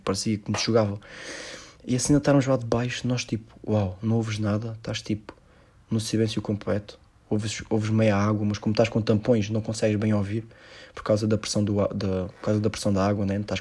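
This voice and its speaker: Young Portuguese vlogger, male, husky and rapid, profane and rambling. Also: on the low side, darkish tone. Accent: European Portuguese. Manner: swears a lot, rambling, slangy. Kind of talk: casual rambling monologue.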